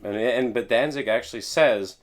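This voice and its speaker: A man's voice: medium pitch, normal speed, slight background noise. A man hosting a show about records, chatting casually with a friend and laughing easily. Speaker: podcast host.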